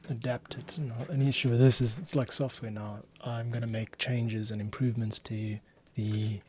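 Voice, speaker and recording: This man speaks at a normal speed in a mid-range, somewhat mellow voice with a breathy edge and flat delivery. A music composer giving a screen tutorial, he offers casual work-along commentary and mutters playful asides to himself, over noticeable background noise and keyboard typing.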